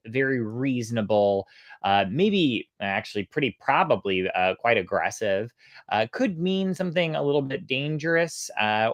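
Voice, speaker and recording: A storytelling host speaks with a lively, varied pitch, recorded close and dry. The delivery is conversational and thoughtful, shifting between casual explanation and expressive storybook narration.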